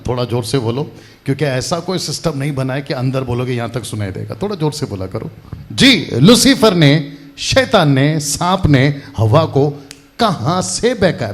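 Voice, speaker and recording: A man preaching a lively sermon to a church audience, quizzing the crowd and repeating phrases for emphasis. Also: mid-range voice. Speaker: pastor. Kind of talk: lively sermon to a live congregation.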